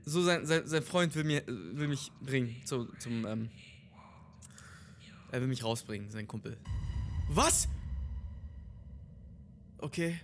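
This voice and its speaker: Excitable young gamer yelping through a horror game. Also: medium pitch, slow, long pauses, soft background music. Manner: excitable, yelps and swears at scares, talks to viewers. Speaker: let's play gamer. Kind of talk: horror game let's play commentary.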